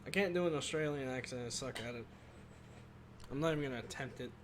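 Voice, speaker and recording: A man's voice: mid-range voice, fast talker, noisy background. A man hosting a live stream of a racing game, chatting casually and rambling with frequent laughs. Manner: joking, rambling, laughs often. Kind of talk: casual gaming chat. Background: loud game music.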